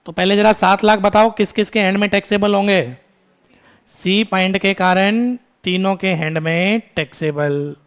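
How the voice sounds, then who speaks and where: A man teaching a tax lecture in Hindi mixed with English, quizzing his students, calling them "beta" and scolding them briskly. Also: high voice, steady tone, smooth. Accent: Indian English. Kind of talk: classroom lecture.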